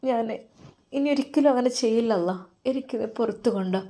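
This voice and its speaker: A homesick young woman, as a woman narrator plays her pours out a soft, tearful prayer full of remorse. Her voice is fairly high and gentle. It is a spoken story told by one reader. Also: fairly quick, lightly acted. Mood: remorseful.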